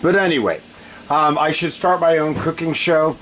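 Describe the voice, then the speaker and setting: A man's voice: a little high, normal speed, rough recording. A man chatting casually and in a rambling way as he shows a recipe on a home cooking video, breaking off now and then. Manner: rambling, often breaks off to handle things. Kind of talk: casual cooking vlog chat. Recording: loud steady hiss behind voice. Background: loud hissing.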